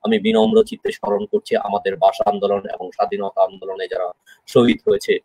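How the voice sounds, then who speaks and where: Solemn husky man hosting. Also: low-pitched, mellow, no room sound, poor audio. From Bangladesh. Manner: solemn, measured and declamatory. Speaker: host. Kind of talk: formal tribute speech.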